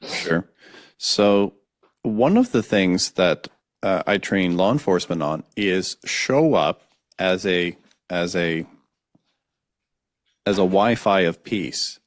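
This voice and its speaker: Earnest low-voiced male trainer. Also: lively intonation, slow pace, pauses often, no room sound, studio quality. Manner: earnest, explains with acted-out example dialogues. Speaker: guest, de-escalation trainer for law enforcement. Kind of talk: conversational podcast interview.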